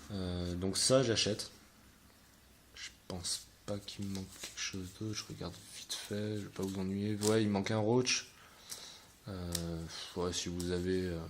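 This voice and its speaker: Low-voiced rambling man with a card binder. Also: slight background noise. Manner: hesitant and rambling, many fillers. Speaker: card collector showing his binder. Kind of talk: casual talk to viewers.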